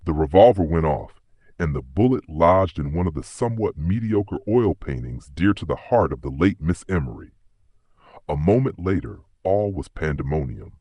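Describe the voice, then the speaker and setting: A man narrating a detective story in a measured, dramatic way. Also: low voice, expressive, darkish tone, husky, no echo. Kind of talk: audiobook narration.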